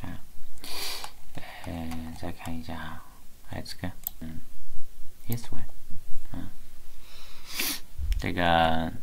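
A woman teaches Chinese one-on-one over a video call, patiently repeating each word and switching between Chinese and English. Her voice sits very low with a gravelly edge, and she speaks slowly. Faint background noise and keyboard clicks come through the call. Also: level tone. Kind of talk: live online one-on-one Chinese lesson.

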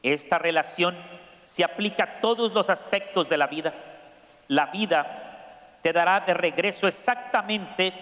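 A priest preaching a sermon, slow and emphatic, putting questions to his congregation. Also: sits high, fairly bright tone. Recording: echoey church hall.

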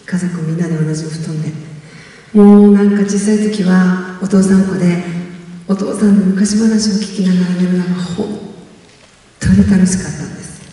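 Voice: mid-range voice, moderate pace. A lecturer, telling a life story to an audience and acting out the quoted voices. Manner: expressive storyteller, acts out quotes, drops to whispers. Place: large lecture hall. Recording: echoey hall, voice from far off.

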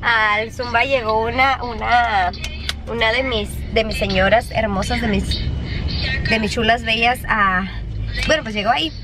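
A woman's voice: on the high side, unhurried, background noise. A woman, chatting animatedly to viewers into a phone held at arm's length. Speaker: family vlogger. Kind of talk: casual vlog chat. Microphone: phone camera held at arm's length.

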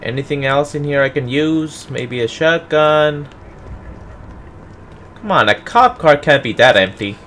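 A man's voice: on the high side, measured pace, long pauses, slight background noise. A man doing casual let's-play commentary, talking to himself and swearing when the game startles him. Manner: animated, swears and yelps at game scares. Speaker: gameplay streamer.

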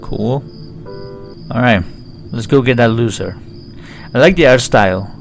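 A man's voice: medium pitch, unhurried, creaky, music in the background. A man giving chatty, joking let's-play commentary on a horror game. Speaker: gaming YouTuber.

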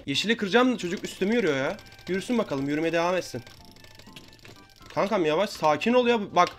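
A young man giving casual gameplay commentary, chatty and teasing his opponents while talking straight to his viewers. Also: high voice. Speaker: gaming YouTuber. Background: keyboard and mouse clicks.

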